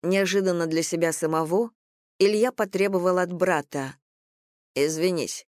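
An audiobook narrator reading a novel in a steady, measured way. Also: medium pitch, dry recording, clean studio sound. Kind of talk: scripted narration.

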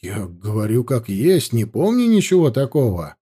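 Brief: male reader as a measured, cold werewolf chief, dark-toned and guarded. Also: mid-range voice, wildly swooping pitch, slightly rough, voice pushed down.

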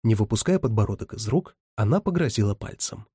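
A male audiobook narrator with a low, husky voice, reading in an even, measured manner. The sound is dry and close. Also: no room sound. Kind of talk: scripted narration.

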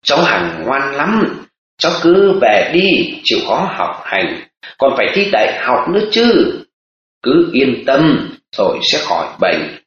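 A kindly, wise old village scholar, as a male reader plays him, speaks in a gentle, reassuring voice. He talks slowly, in an echoey, dull audiobook recording. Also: fairly high pitch, very animated, full character voice.

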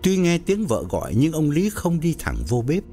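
A man narrating an audiobook story in a measured storytelling way. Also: huge pitch swings, dark tone, faint music behind. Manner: measured storytelling with wide pitch swings.

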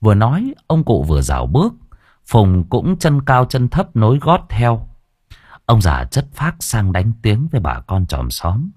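A man narrating an audiobook in an earthy, colloquial and expressive storytelling style. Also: lowish voice, a little slow, slightly rough, dry recording, studio quality.

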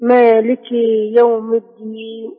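A woman calling in to recite the Quran for correction, steady and even. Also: on the high side, takes it slowly, soft background music. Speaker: caller. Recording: tinny phone line with long reverb.

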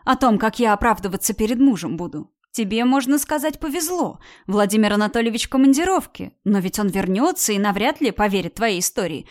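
A woman reading aloud plays a brash, bossy woman of about thirty, loud and mocking. She speaks at a middling pitch with a confident, commanding push, and her tone in this storybook stays teasing. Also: expressive, a little fast, few pauses, close to an everyday voice.

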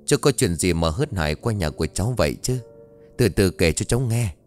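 A man voicing a calm, reassuring young village man who deals in talismans, in an audio story. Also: low-pitched, a little fast, faint music behind.

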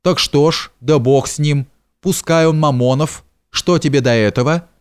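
A man voicing an old, kindly house steward who speaks in a homely folksy way, slow and soothing, in an audiobook. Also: fairly high pitch, clean tone, close to an everyday voice. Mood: fretting. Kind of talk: audiobook character reading.

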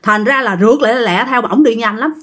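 A woman's voice: a little high, brisk, fairly bright tone. A woman telling a ghost story in a chatty way, often addressing her listeners directly.

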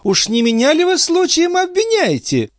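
A man's voice: very high voice, wildly swooping pitch, normal speed, dry recording, studio quality, voice pushed up, exaggerated voice. A man voicing a wily, sugary old female concierge who whines and protests indignantly. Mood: shrill indignant.

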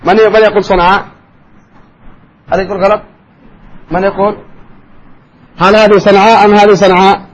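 A man teaching a spelling class, firing quick questions at his students and calling on them to answer. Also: high-pitched, little pitch movement, dull audio. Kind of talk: classroom lesson.

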